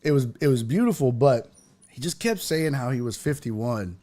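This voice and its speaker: A man's voice: medium pitch, animated, normal speed, dark tone. Fifty-ish guy hosting a podcast, rambly, keeps restarting his sentences, regular mid voice. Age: 50s. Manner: rambling storyteller, repeats himself, frequent verbal restarts. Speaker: podcast host and stand-up comic. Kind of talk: casual chat.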